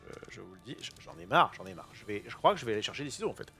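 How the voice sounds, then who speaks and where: A man hosting a casual card-opening session in his kitchen, chatty and excitable, thinking aloud and using casual slang. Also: on the low side, racing, gravelly, husky, soft background music. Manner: self-interrupting, thinking aloud. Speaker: host opening trading card boosters. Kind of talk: casual unboxing commentary. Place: home kitchen.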